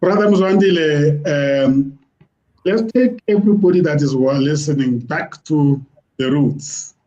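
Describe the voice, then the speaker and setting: A man runs a live online interview in a relaxed way, welcoming guests with warm, gushing greetings full of fillers and hesitation. He speaks unhurriedly in a slightly high voice, captured with lo-fi sound.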